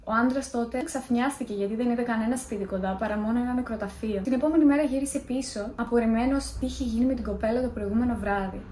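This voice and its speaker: A woman's voice: fairly high pitch, hardly any pauses, mellow, echoey room, a little hiss or hum. A young woman in a casual vlog, chatty and self-mocking as she tells scary stories. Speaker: vlogger.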